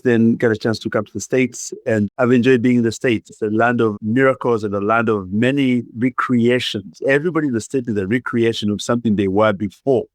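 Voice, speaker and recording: A man's voice: mid-range voice, no echo, clean studio sound. A middle-aged man from Uganda with a Ugandan accent, a playful, expansive guest in an interview who laughs often. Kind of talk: podcast interview.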